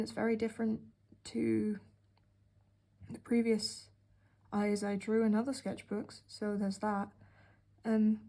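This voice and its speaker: A woman's voice: fairly high pitch, warm tone. A young British woman from the UK narrating a casual sketchbook tour, rambling with many fillers and a sarcastic edge. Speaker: art vlogger.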